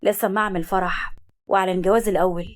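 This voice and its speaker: A woman's voice: medium pitch, fairly even intonation, rapid-fire, lightly acted. A woman voicing a glib young Egyptian man. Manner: glib, playful. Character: smooth young man hiding a secret marriage.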